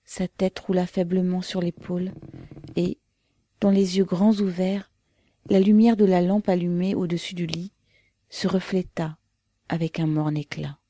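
Casting: audiobook narrator, woman, lowish voice, measured and grave. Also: fairly even intonation, mellow, no room sound, studio quality. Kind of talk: audiobook reading of a novel.

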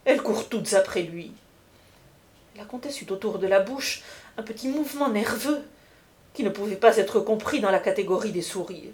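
A woman narrating a classic novel as an audiobook, in a measured, literary manner. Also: medium pitch, a little mellow.

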